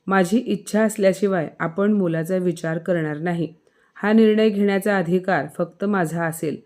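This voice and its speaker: A woman's voice: lowish voice, normal speed, darkish tone, natural voice. A woman voicing a proud, stubborn young wife who speaks with indignation. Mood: indignant.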